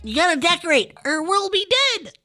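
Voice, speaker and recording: A man voicing a small excitable male Christmas elf in a high, squeaky, melodramatic voice. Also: brisk, faint music behind, heavily acted. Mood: mock-dramatic. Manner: melodramatic, pleading.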